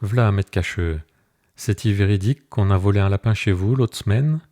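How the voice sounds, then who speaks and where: A man voicing a timid old peasant shepherd who speaks in a halting, repetitive rustic way. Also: lowish voice, mellow, lightly acted.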